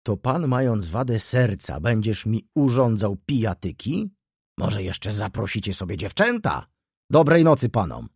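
A man's voice: fairly low pitch, sing-song, unhurried, a little mellow, breathy edge, no echo, clean studio sound, full character voice. A man voicing a stern, ironic middle-aged male doctor who talks in a brusque, scolding way, in an audiobook reading.

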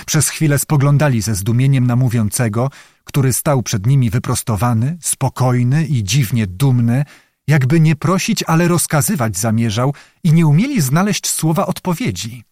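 A man narrating an audiobook of a historical novel in a measured, even manner. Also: medium pitch, no echo, clean studio sound.

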